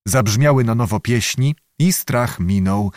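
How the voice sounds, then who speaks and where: A man narrating a historical novel as an audiobook, with expressive storytelling, in a dry, close recording. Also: medium pitch, a little slow, no echo.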